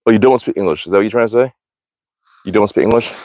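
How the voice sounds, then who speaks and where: Here a lowish, slightly mellow male voice races along very fast as an American livestream host chats casually and slangily. A hobby archer, he's outside at a backyard archery range, and the recording is dry.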